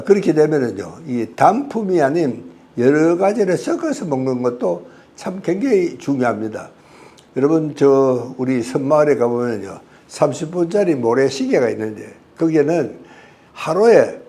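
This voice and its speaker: Gravelly older man giving a health talk. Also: medium pitch, mellow. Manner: unhurried, folksy, many fillers. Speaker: health lecturer.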